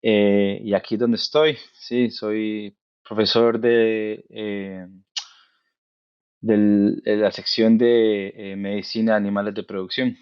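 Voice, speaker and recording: Low-voiced man from Costa Rica, dry sound. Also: flat delivery, slow, clean tone, no room sound, highs cut off. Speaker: veterinarian guest. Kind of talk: casual conversational interview.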